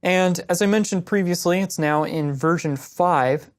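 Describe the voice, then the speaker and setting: A young woman with a lowish voice takes her time answering viewer questions about web design. She explains step by step in a casual, easygoing screen-share lesson.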